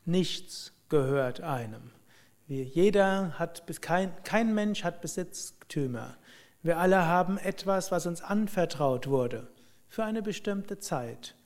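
A man telling a spiritual story and drawing lessons from it, in a reflective, unhurried way with musing hums. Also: on the high side, lively intonation. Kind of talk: spoken storytelling and teaching.

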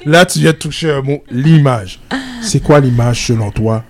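A man's voice: mid-range voice, normal speed. A middle-aged man hosting a casual discussion, asking probing questions and interjecting with teasing remarks. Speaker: host.

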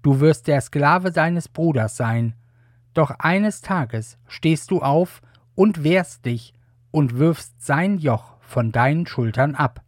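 A man voicing an aged blind patriarch giving blessings, in a solemn, measured reading. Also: fairly high pitch, lively intonation, no room sound, studio quality.

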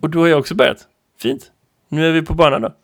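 A man in his thirties, a teacher co-hosting a podcast, who tells stories in a lively, rambling way full of fillers. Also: a little high, over music. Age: 30s. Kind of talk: casual podcast chat.

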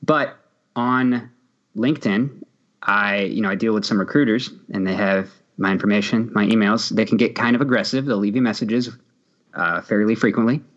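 A man's voice: lowish voice, a bit bright. A man with a wry, teasing manner, chatting casually as a podcast co-host. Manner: wry, teasing, quick to laugh. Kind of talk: casual chat. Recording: dull lo-fi mic.

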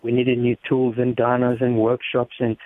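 A South African man, a motorcycle race team member appearing as an interview guest, tells stories casually and often repeats words as he goes. His medium-pitched voice is monotone at a moderate pace. The recording is dry, with the muffled narrow-band sound of a phone or radio line.

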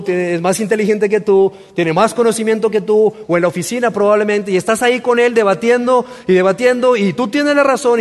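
Male pastor in his thirties, high-pitched voice, casual preaching with emphatic repetition, long hall reverb. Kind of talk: sermon.

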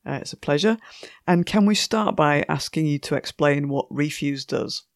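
A woman hosts a podcast while hoarse from a cold, her voice croaky but her reading measured and clear. The sound is dry and close, with no room around it. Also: deep voice, no room sound. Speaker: podcast host. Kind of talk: scripted podcast introduction.

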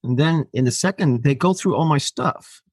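A man from Finland whose native language is Finnish shares a long personal story as a podcast guest in a casual storytelling interview. He laughs frequently and acts out quoted lines, his fairly high, slightly mellow voice breathy at the edges and moving at a moderate pace with no echo.

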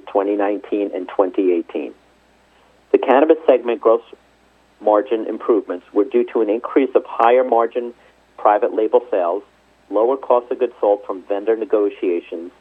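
A company executive with a low, husky voice formally reads a scripted earnings report, working methodically through the figures. The audio comes over a muffled, narrow phone conference line.

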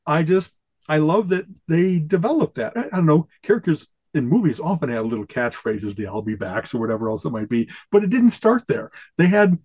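A man's voice: on the high side, animated, brisk, darkish tone, no room sound. A man co-hosting a podcast in casual chat, enthusiastic and rambling, quoting catchphrases with relish. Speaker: podcast co-host.

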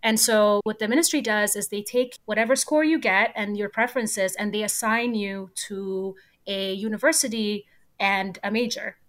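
Animated young woman from Ethiopia. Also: medium pitch, normal speed. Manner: animated, laughs often. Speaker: guest, computer scientist. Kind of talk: casual interview talk.

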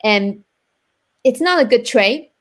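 A woman's voice: on the high side, expressive, slow pace. A woman from China with a Chinese accent, speaking earnestly as a guest entrepreneur on a live online interview show, often checking in with "right?".

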